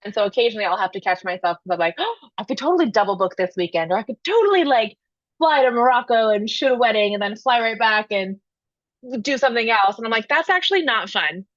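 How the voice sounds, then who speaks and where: A woman's voice: fairly high pitch, expressive, fast, no echo. A young adult woman speaks as a podcast guest, candid and reflective. She voices her own inner thoughts as quotes while she talks things through. The sound is dry and a little dull, with the top end rolled off. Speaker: podcast guest, business owner. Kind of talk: casual podcast conversation.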